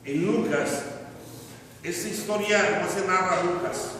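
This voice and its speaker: An older man preaching a sermon in a church, earnest and emphatic, with long pauses between phrases. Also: high-pitched. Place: church hall. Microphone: distant room mic. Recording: echoey hall from far off, faint hiss.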